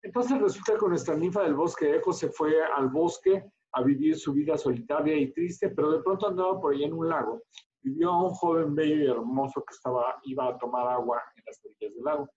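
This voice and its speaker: A man teaching a medical class, chatty and animated, quizzing his students as he goes. His voice sits a little high, and the audio is muffled and lo-fi. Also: brisk. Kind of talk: online class storytelling.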